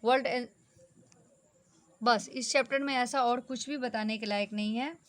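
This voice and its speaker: A woman teacher giving a brisk, exam-focused lesson, slipping English terms into her instructions. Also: fairly high pitch, fairly even intonation, a bit bright.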